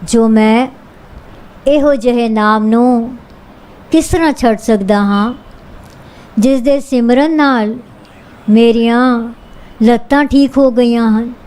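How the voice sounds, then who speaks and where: A woman's voice: a little high, slow pace, pauses often, a little mellow, poor audio. A woman reading the lines of a humble, grateful man healed of lame legs, in an earnest, pleading way.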